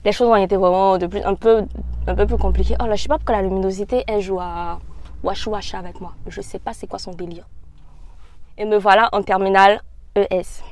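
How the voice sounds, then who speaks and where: A young woman from Côte d'Ivoire with an Ivorian French accent, telling a casual storytime vlog in a lively, slangy way into a phone in a car. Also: mid-range voice, fairly quick. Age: young adult. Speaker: YouTuber. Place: parked car. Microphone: phone in a holder.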